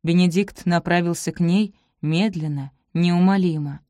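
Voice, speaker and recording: A woman narrating a romance novel in a measured, expressive reading voice. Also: fairly low pitch, dry recording, clean studio sound. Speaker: audiobook narrator.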